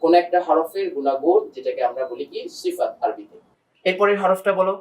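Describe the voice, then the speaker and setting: Man, Quran reading teacher, patient, repeats letter sounds slowly, talks to a student, roomy echo, set back from the mic. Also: high-pitched, lively intonation, far from the mic. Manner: addresses a student and the viewers directly. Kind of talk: step-by-step pronunciation lesson.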